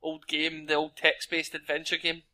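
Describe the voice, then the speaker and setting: A man's voice: fairly high pitch, completely flat delivery, moderate pace, bright, forceful tone. A man with a Glaswegian accent chatting casually about gaming as a podcast host. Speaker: podcast host asking questions.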